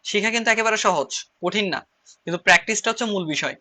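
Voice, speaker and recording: A man's voice: high-pitched, very fast, bright, forceful tone. A man with a Chittagong Bengali accent teaching an online shorthand class, explaining rules step by step and repeating key phrases as he writes on slides.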